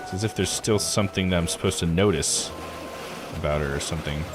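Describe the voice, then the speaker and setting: This streamer has a deep voice and speaks fairly quickly. He muses out loud and reads on-screen text in a relaxed let's-play, with the game's music running underneath.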